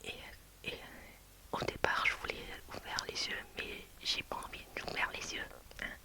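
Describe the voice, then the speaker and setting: In a hushed whisper and at a measured pace, a video creator shares a personal story with her viewers. She hesitates a lot, with repeated restarts and fillers.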